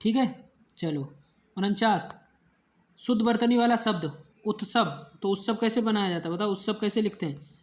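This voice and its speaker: A teacher with a medium-pitched voice speaks at a moderate pace while leading an online exam-prep class. He drills the same points repeatedly, quizzes listeners, and counts letters and answer options out loud.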